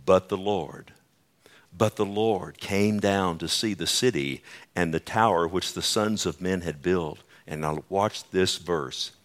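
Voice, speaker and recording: At a church pulpit microphone, a pastor preaches with emphasis, questioning the congregation directly. His male voice sits low and he speaks slowly.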